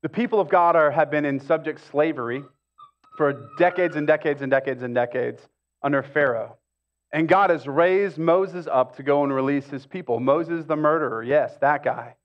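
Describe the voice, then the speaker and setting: On a church auditorium stage, a middle-aged American pastor preaches in a fairly high voice, captured in a muffled recording. His sermon is relaxed and chatty, full of asides and phrases repeated to drive points home.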